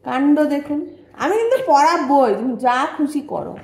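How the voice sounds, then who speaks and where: Woman, pet vlogger, high voice, baby talk to her dog, echoey home recording. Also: expressive, fairly quick, vocal fry, darkish tone. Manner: coaxing, scolding baby talk to a dog, asides to viewers. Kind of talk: casual home pet vlog. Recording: echoey room.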